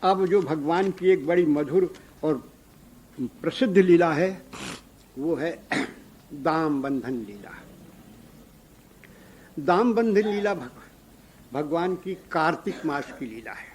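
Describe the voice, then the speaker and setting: A man narrating a devotional story in a lively way, breaking in with devotional calls. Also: a little high, slow, long pauses, a little hiss or hum.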